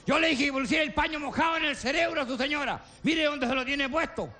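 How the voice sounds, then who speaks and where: A man's voice: extremely high pitch, brisk, pushed and bright. A man doing a fibbing old Chilean country man. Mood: storytelling. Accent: rural Chilean. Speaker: comic performer. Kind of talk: live stage comedy sketch.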